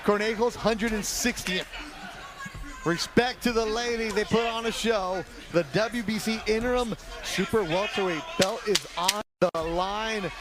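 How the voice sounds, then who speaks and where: A high-voiced man works as a hype play-by-play announcer at a boxing match. He delivers live ringside commentary with dramatic, emphatic calls. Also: unhurried, few pauses. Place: ringside at an arena.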